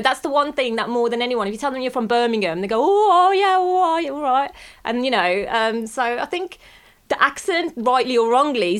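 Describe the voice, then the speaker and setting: A woman's voice: a little high, fairly bright tone. A young woman from Bromwich, chatting in an interview and peppering her answers with "like". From West Bromwich, England. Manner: chatty, frequent "like" fillers.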